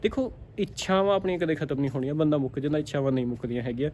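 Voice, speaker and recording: A man's voice: a little high, very fast, darkish tone, a little hiss or hum. A man with a Punjabi accent, a dairy farmer giving a casual motivational talk to camera, repeating himself and checking in with "theek aa". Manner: repetitive, keeps asking "theek aa".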